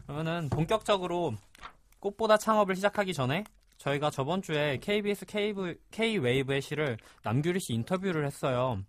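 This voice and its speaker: A man's voice: fairly high pitch, normal speed. A man hosting a casual podcast, introducing segments and guests. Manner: lively, steering the talk with introductions. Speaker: podcast host.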